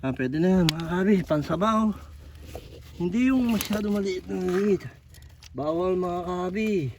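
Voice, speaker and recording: A man vlogging outdoors on a rocky shoreline at low tide, talking chattily to his viewers and slightly out of breath. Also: normal speed, a little hiss or hum. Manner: chatty, repetitive, addresses viewers constantly. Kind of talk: casual on-the-spot vlog narration. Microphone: camera on a tripod.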